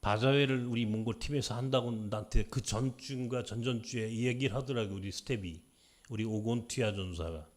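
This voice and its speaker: An older male pastor preaching a sermon with emphatic exhortation and rhetorical questions, dropping at times to hushed near-whispers. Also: medium pitch, fairly quick. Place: church.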